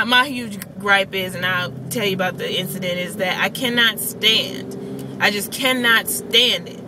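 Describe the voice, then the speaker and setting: A woman in her thirties talking casually and emphatically to her phone camera from a parked car. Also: mid-range voice. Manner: chatty, emphatic, talks with her hands. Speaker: vlogger. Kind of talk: casual car vlog rant. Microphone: phone camera on the dashboard. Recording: phone audio in a car with noticeable background noise.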